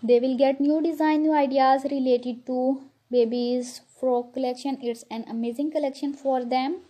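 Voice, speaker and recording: A woman's voice: high voice, fairly even intonation, moderate pace, warm tone. A woman narrating a showcase as a channel host, in effusive, repetitive phrasing.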